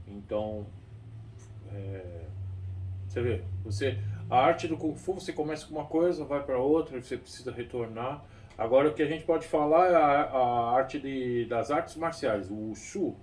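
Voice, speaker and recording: A kung fu teacher with a Brazilian Portuguese accent explains at length, rambling, restarting, and often adding tag questions. His voice is mid-range with a darkish tone, picked up by a distant mic with faint background noise.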